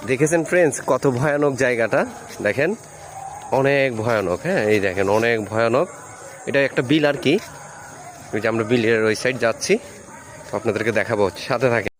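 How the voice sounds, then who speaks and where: A man's voice: mid-range voice, brisk, long pauses, a little hiss or hum. A man, chatting to his viewers while fishing at a rural wetland, recorded on a phone. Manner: chatty, addresses viewers directly. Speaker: fishing vlogger. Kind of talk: casual vlog chat to viewers.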